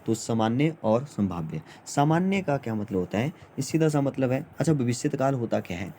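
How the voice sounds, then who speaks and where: A man teaching a grammar lesson in an informal manner, repeating himself and often pausing on fillers. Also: medium pitch, very animated, dark tone, a little hiss or hum.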